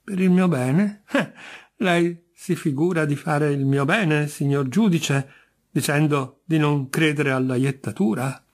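A man's voice: fairly high pitch, a little slow, voice pushed up. A man reading aloud and voicing a touchy, grim middle-aged man branded a jinx, indignant and insistent. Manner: indignant, insistent, sharply emphatic.

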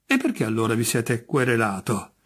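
A man reading aloud and voicing a patient, bemused middle-aged judge who gently coaxes. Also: mid-range voice, huge pitch swings, normal speed. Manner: patient, mildly coaxing.

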